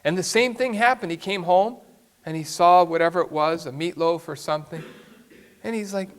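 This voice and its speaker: Emphatic priest giving a sermon. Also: male voice, high voice, normal speed, clear, resonant tone. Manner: emphatic storytelling.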